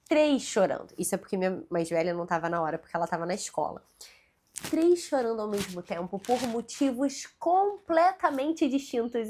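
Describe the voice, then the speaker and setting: A woman in her thirties with a Brazilian accent, a mother talking casually to her audience, laughing often and acting out dialogue. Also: medium pitch. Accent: Brazilian Portuguese. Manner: warm, chatty, laughs often, acts out quoted dialogue. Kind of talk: casual monologue to camera.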